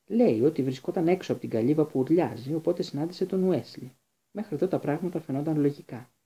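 A man's voice: a little high, dark tone, natural voice. A man reading aloud and voicing a stern, sneering male professor who interrogates coldly. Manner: sardonic, interrogating.

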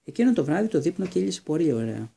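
A man reading an audiobook aloud with steady, even storytelling. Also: a little high, vocal fry, husky. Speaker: audiobook narrator. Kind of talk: audiobook narration.

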